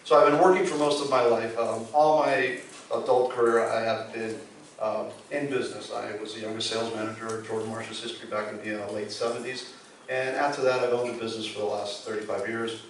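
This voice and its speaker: A man's voice: on the low side, level tone, brisk, a little hiss or hum. A man in his sixties from Cuba, giving a friendly, joking campaign speech at a community forum. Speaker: candidate speaking at a community forum. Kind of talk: public speech. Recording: echoey hall from far off.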